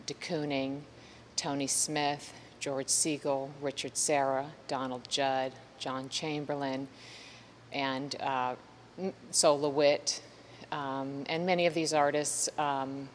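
A woman curator explaining a private art collection in a measured, halting way, with many ums. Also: deep voice, in a large hall, a little hiss or hum. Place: large warehouse gallery.

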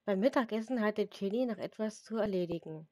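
A woman's voice: mid-range voice, brisk, darkish tone, no echo, clean studio sound. A woman reading her own story aloud as plain narration, with small slips and restarts.

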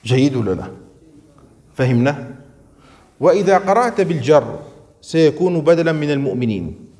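Male grammar teacher, fairly high voice, hall echo, slow stressed examples, constant comprehension checks. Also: a little mellow. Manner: checks understanding with frequent questions to students; slows down and stresses words when reading out examples. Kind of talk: classroom lesson.

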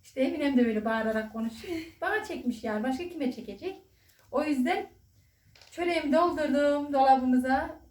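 A middle-aged woman vlogging casually at home to her followers, talking in a loud, booming way. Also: fairly quick. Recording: echoey room, distant mic.

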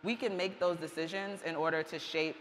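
A man's voice: a little high, steady tone, brisk, fairly bright tone, a little hiss or hum. A man speaking as a community organizer on a panel, reflective and thoughtful. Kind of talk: panel talk. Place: large covered market shed. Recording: long reverb in large hall.

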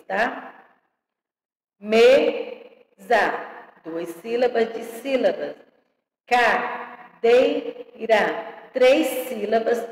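A woman teaching young children an online grammar lesson, drawing out each word slowly and checking in with them affectionately. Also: a little high, vocal fry, darkish tone. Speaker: primary school teacher. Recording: echoey room with long reverb.

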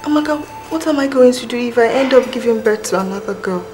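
A woman's voice: fairly high pitch, fast, background noise, natural voice. A woman playing an anxious, humble queen in a film drama, plaintive and pleading, with a Nigerian accent. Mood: distressed.

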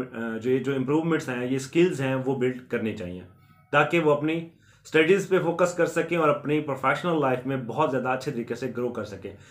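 A man from Pakistan hosting an education channel, earnestly explaining to viewers in a repetitive way and mixing in many English terms. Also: medium pitch. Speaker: YouTube education channel host.

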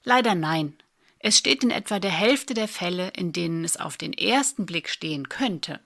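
A woman, teaching a spelling lesson in a patient, clear way with dry little asides. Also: fairly low pitch, expressive, normal speed, a bit bright. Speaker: German spelling tutor. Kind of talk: slow explanatory lesson.

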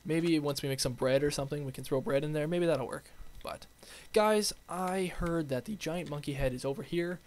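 Excitable young man narrating his game. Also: fairly high pitch, moderate pace, hardly any pauses, a little hiss or hum. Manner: chatty, excitable, rambling. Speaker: game video host. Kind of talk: playful let's-play commentary.

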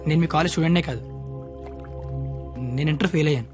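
An actor playing a cheeky, streetwise young man who talks quickly in a film scene. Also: fairly high pitch, natural voice. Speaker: rowdy young man who failed school. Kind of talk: film dialogue. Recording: film audio with music behind.

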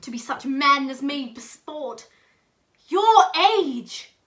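High, forceful Shakespearean noblewoman acted by young woman. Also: animated, slow pace, heavily acted. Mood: stern demand. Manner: declamatory, swinging from hushed to forceful. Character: haughty, scornful noblewoman rebuking an old man. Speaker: student actor. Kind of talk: theatrical Shakespearean English monologue. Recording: distant mic.

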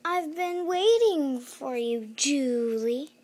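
A woman's voice: high-pitched, animated, slow pace, darkish tone, voice pushed up. A woman voicing a boastful, scheming female art thief who gloats and cackles in a playful doll-mystery story. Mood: gloating.

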